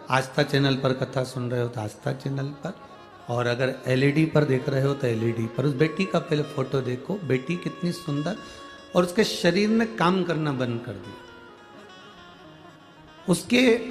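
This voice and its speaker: A male preacher delivers a devotional sermon into a stage microphone before a huge crowd, speaking in a medium voice. He reads a letter aloud and talks straight to the listeners, his voice rising and growing louder on emotional words. Soft devotional music plays faintly behind him. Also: mid-range voice. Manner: emotive, swells loud on key words, addresses the crowd directly. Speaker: kathavachak preacher. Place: large crowded outdoor religious gathering.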